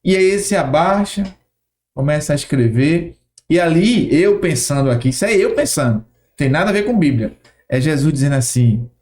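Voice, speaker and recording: Reflective Brazilian podcast host. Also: male voice, fairly high pitch, animated, moderate pace, darkish tone. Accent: Brazilian Portuguese. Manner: thoughtful, imaginative, narrates scenes aloud. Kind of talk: reflective conversational storytelling.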